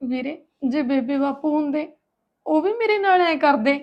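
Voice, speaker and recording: A meek, high-voiced Punjabi sister, played by a woman, pleading and tearful with her brother. The recording is muffled and lo-fi. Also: animated, moderate pace. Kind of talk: comic family drama acting.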